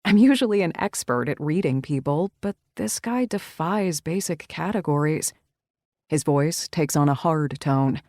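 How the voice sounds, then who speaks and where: A woman narrating a first-person romance audiobook with wry, expressive storytelling. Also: low-pitched, unhurried, no echo, clean studio sound.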